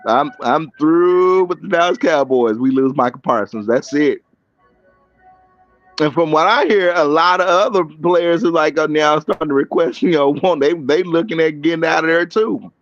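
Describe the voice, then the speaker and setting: A man with a notably high speaking voice talks sports in a loose, emphatic way, hammering his points by saying them again and again. His audio is dry and close, with a dull, muffled top end. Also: moderate pace, dry recording, faint music behind. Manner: emphatic, repeats himself for effect. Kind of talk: casual sports chat.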